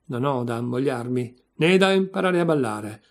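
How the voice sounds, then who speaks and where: A man voicing an irate male lodger who shouts mocking questions. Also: medium pitch, expressive, moderate pace, lightly acted. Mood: indignant.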